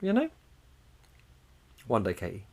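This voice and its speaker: A man's voice: on the low side, wildly swooping pitch, unhurried, darkish tone. A man, co-hosting a casual podcast chat, swearing freely and chuckling as he talks. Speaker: podcast co-host.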